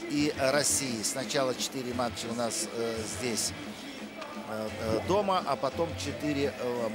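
A man giving live ice hockey commentary in a halting way, with many drawn-out hesitation pauses. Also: medium pitch. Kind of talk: live play-by-play sports commentary.

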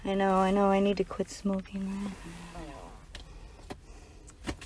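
Woman, amateur spirit medium. Even, narrow intonation, short questions and waiting pauses, faint noise behind. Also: mid-range voice. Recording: clear background noise.

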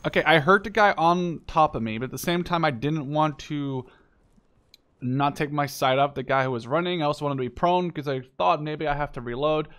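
This gaming video host, a man in his twenties, has a slightly high, bright, clear and resonant voice and talks a bit quickly. He rambles casually through the gameplay, emphatic and full of opinions, swearing now and then, while video game gunfire and clicking carry on in the background.

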